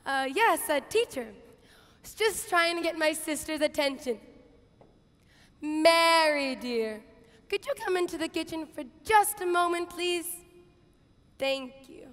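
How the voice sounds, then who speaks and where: A young woman plays a harried, exasperated hostess ordering her kitchen about in a stage monologue. The voice is very high and girlish, with exaggerated theatrical intonation and an unhurried, drawn-out pace. It rings in a large auditorium. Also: lively intonation, heavily acted. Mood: sweetly polite. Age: teens to young adult. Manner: exaggerated, theatrical intonation, swinging from hushed asides to shouts. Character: flustered, bossy Martha, harried biblical kitchen hostess, exasperated with sister. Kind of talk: dramatic monologue, expressive stage reading. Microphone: headset.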